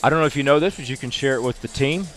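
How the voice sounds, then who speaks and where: A chatty older male sportscaster gives a postgame interview on a headset mic, rapid-fire and upbeat, packed with stats. His voice is medium-pitched and fairly bright, with faint music behind.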